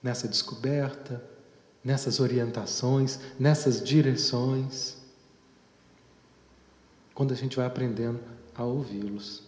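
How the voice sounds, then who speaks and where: A man, a psychotherapist, giving an unhurried reflective talk with long pauses and storytelling asides. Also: mid-range voice, fairly even intonation, a little mellow. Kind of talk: reflective talk on therapy and leadership. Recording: echoey hall with long reverb.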